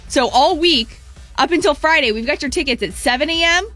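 A woman's voice: high-pitched, expressive, brisk, a bit bright, soft background music. An American woman co-hosting a radio morning show, chatting and reading promos. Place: radio studio.

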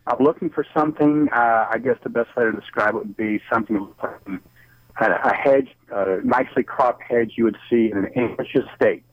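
A man's voice: mid-range voice, moderate pace, no room sound. A man calling in to a radio show over the phone, politely and carefully describing what he wants, with some ums. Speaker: radio call-in caller. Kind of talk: casual chat. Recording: dull dry phone line.

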